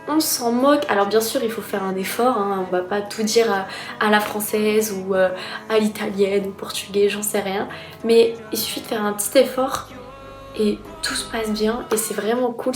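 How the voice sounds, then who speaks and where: A young woman from France talks to her viewers in an easy, excited vlog style, her voice sitting a little high. The room is echoey, and soft music plays underneath. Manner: chatty and enthusiastic. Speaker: student vlogger. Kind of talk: casual vlog talk to camera.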